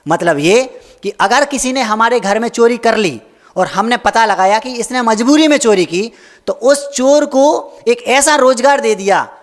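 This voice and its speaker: A man's voice: very high-pitched, expressive, a little slow, in a large hall. A man, a Jain monk, preaching a sermon with stories, asking rhetorical questions and acting out quoted voices.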